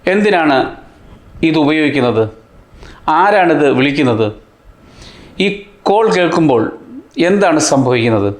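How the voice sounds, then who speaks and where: The host of a science explainer channel narrates a scripted piece in a fairly high, lively voice, using deliberate short phrases and teacher-style rhetorical questions. The recording sounds noticeably roomy, with a clear echo.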